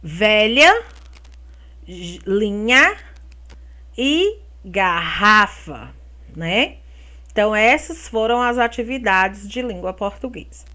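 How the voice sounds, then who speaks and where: A woman's voice: mid-range voice, animated, slow pace, pauses often, sharp tone. A woman teacher from Brazil, patiently walking young children through school exercises step by step, often checking in with a "né?". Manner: patient, step-by-step explaining with frequent "né?".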